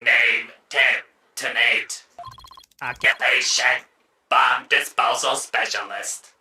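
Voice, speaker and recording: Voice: mid-range voice, roomy sound, recorded from a distance, slight background noise. Someone putting on a robot voice for a stiff male witness. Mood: robotic. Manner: slow, clipped, monotone words. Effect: robot voice, flat mechanical delivery. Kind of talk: fan voice dub of a game.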